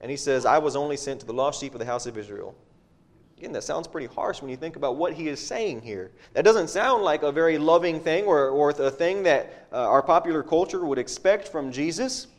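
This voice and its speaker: A man's voice: on the high side, animated, fairly quick. A man preaching a sermon, reading scripture aloud and stopping to ask his listeners rhetorical questions, often repeating a word as he goes.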